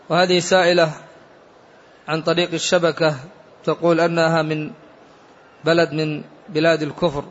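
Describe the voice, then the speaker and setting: Flat-voiced man reading out questions. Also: a little high, muffled recording. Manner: polite, formal. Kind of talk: formal reading of submitted questions.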